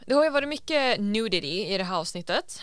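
A young adult woman co-hosting a podcast, chatting in a relaxed way and slipping English phrases into her story. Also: mid-range voice, over loud music. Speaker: podcast co-host. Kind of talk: casual storytelling chat.

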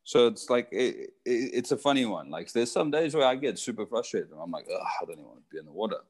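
Deep-voiced man rambling in interview. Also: sing-song, fast, darkish tone, breathy edge. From Zimbabwe. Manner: rambling, lots of fillers. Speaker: guest, surfer. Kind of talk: casual interview talk.

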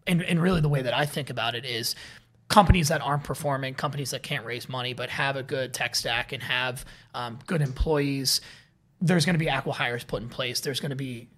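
A man's voice: medium pitch, fairly bright tone. A man hosting a podcast, asking questions and musing at length, often restarting his phrases and repeating words. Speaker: podcast host. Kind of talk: interview questions and commentary.

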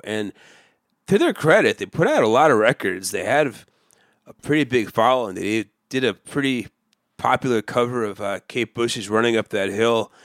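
A man's voice: fairly low pitch, a bit bright, no echo, studio quality. A man in his forties co-hosting a podcast, telling stories in a rambling, wry, self-mocking way. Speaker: podcast co-host. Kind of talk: casual chat.

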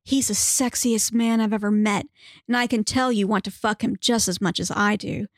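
A woman's voice: medium pitch, steady tone, moderate pace, no echo, studio quality, close to an everyday voice. A woman voicing a dreamy, gushing young female goblin.

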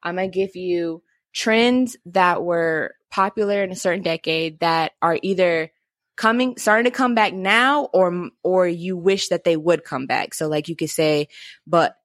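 A chatty young woman co-hosting a relaxed conversation, rambling along with plenty of fillers. Her voice sits a little low, and the recording is dry and close with no room sound. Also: unhurried, no echo. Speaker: co-host. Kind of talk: casual chat.

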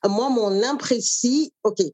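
A middle-aged woman from Cameroon, an author and cook, talking in an interview at a thoughtful pace with many pauses. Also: on the high side, darkish tone, no echo. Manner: thoughtful, with frequent pauses and fillers. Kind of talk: conversational interview.

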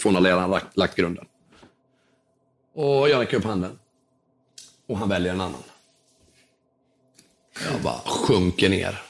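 A young man with a slightly hoarse voice, telling an animated story as a podcast guest and acting out the people in it. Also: slight background noise. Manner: lively storytelling, acts out quotes with big jumps in pitch.

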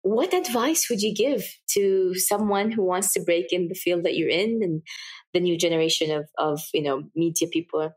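A woman's voice: on the low side, moderate pace, darkish tone, breathy edge. A woman hosting a podcast, encouraging her guest and closing the episode. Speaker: podcast host. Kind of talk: podcast interview and outro.

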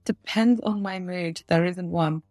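A woman in her forties, from Russia, answering interview questions in a confident, measured way with light laughs. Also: fairly low pitch, a little mellow, dry recording, faint music behind. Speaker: guest, tech company founder.

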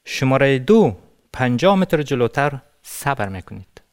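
A man's voice: medium pitch, very animated. A man from Afghanistan voicing a small, clever female tortoise in a storybook tale, giving firm instructions. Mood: commanding.

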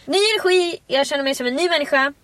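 A young woman with a high-pitched voice talks casually as a podcast co-host. She tells stories at length and acts out what other people said with lively energy. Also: slight background noise. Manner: chatty storytelling, animated retellings. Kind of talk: casual chat.

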